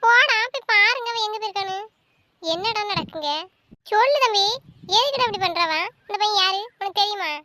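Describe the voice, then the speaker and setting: An actress playing an anxious elder sister who frets aloud and calls out insistently. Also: female voice, extremely high pitch, lively intonation, a little fast, bright, forceful tone, full character voice. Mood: agitated. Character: anxious meddling elder sister, young woman. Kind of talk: family web-series drama acting.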